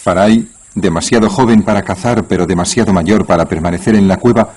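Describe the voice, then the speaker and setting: A man's voice: deep voice, brisk, darkish tone. A man reading scripted narration for a nature documentary. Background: music bed.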